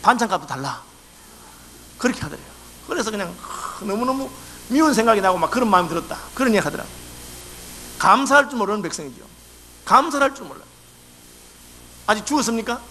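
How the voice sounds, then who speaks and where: A man's voice: high voice, animated, fast, pauses often, pushed and bright, slight background noise. A male pastor preaching a sermon in a church, acting out complaints in dialect. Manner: acts out quoted complaints in dialect. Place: church sanctuary.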